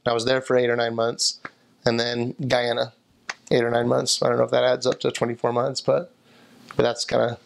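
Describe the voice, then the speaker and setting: A man's voice: medium pitch, monotone, brisk, vocal fry, slight background noise. A man in his thirties, seated indoors, recalling past travels in a rambling interview answer full of restarts and fillers. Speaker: returned missionary interviewee. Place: indoor room by a window, seated in armchair.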